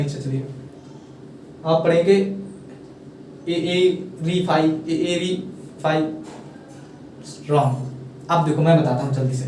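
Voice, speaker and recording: A man with a fairly high voice teaches pronunciation, repeating each question and nudging viewers to answer in the comments. He sounds far from the mic in a strongly echoing room, with faint ambience behind him. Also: darkish tone, a little hiss or hum. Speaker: English teacher. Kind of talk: casual classroom lesson. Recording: very echoey room, mic at a distance.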